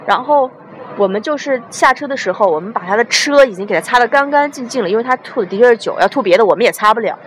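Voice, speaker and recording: A young woman from China tells a story in casual speech. She is lively and acts out the voices of the people she quotes. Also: on the high side, quick pace, a little hiss or hum. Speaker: guest telling a story.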